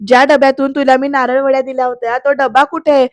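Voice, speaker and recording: An irritated young woman who scolds and snaps back, read out by a female narrator. Her voice is high and fairly flat in pitch. It is recorded dry and close, with no room around it. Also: fast, no room sound, lightly acted. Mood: exasperated. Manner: scolding, exasperated.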